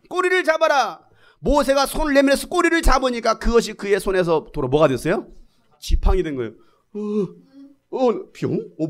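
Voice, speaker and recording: A male pastor giving a lively sermon, often asking the congregation questions. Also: sits high. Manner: animated, asks the congregation questions.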